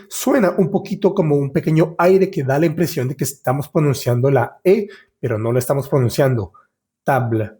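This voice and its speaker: A man teaching French in a podcast lesson, explaining patiently step by step, talking to the listener as his student and repeating example words slowly. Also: on the high side, warm tone.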